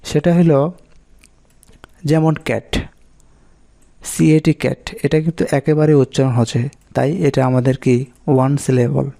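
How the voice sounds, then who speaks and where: Bengali-speaking male teacher, methodical; gravelly voice, mellow tone. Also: mid-range voice. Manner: steady, methodical, lists examples one by one. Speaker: English teacher. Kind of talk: explaining pronunciation rules.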